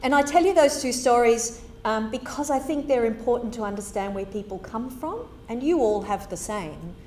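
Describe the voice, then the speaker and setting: A woman's voice: fairly high pitch, lively intonation, normal speed, a little mellow, a little hiss or hum. A middle-aged woman from Zimbabwe giving a public lecture as a guest speaker, telling her story in a candid, conversational way. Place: lecture hall. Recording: roomy hall with faint ambience.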